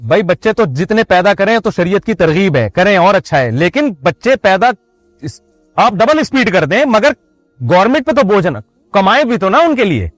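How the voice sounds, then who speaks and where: A man's voice: high voice, big pitch swings, normal speed, no echo, soft background music. A man preaching a religious sermon in a conversational way, with joking asides to the audience. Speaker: Islamic preacher.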